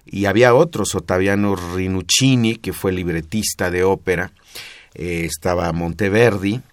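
A Mexican man with a low voice talks through music history in a patient, teacherly way, often repeating his points. The sound is dry and close, with no room echo. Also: normal speed. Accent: Mexican Spanish. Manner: didactic, patient explaining with repetitions. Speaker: music expert guest. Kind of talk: explanatory radio talk.

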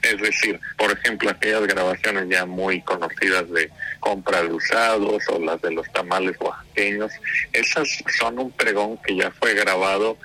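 Male radio guest, Mexican accent, very low pitch with a forceful bright edge, informal explanatory delivery. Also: fairly even intonation, moderate pace, low-quality recording. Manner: informal, explanatory, frequent tag questions. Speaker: radio guest representing a sound map project. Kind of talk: conversational interview explanation.

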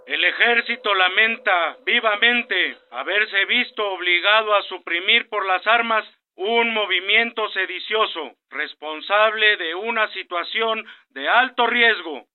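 A man playing a stern military announcer in an audio drama, formal, measured and authoritarian, through a radio-like loudspeaker filter. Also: high-pitched, clean tone, narrow, tinny audio. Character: stern official army announcer issuing warnings.

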